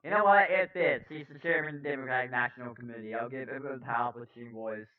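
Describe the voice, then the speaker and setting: A man's voice: mid-range voice, fast talker. A man, a political commentator, reading the news aloud with blunt, profane, sarcastic asides. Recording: dull lo-fi sound, off-mic.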